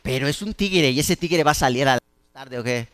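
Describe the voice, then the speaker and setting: A man's voice: medium pitch, fairly quick, a bit bright, big-room sound. A man with a Mexican accent preaching a sermon as pastor, talking conversationally and peppering his points with rhetorical questions. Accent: Mexican Spanish.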